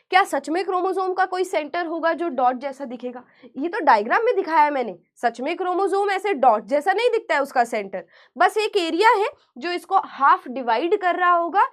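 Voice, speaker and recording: A woman teacher giving an online class lecture, animated and repeating key terms back to her students as questions. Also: very high voice.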